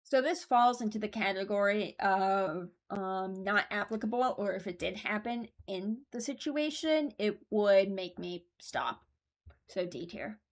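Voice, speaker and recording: A woman with a medium-pitched voice hosts a casual reaction video ranking game voice lines. Expressive and unhurried, she thinks aloud and shares her opinions informally.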